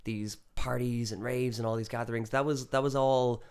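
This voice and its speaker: A man from Galway with a west of Ireland accent, speaking in a middling pitch. He chats casually as an interview guest, telling his story with enthusiasm and local turns of phrase. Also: fairly even intonation, moderate pace, darkish tone, clean tone. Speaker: interview guest, musician and performance poet.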